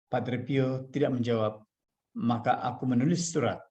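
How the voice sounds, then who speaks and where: Priest from malaysia doing a devotional talk, mid-pitched voice, slow steady reading, muffled online call sound. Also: male voice.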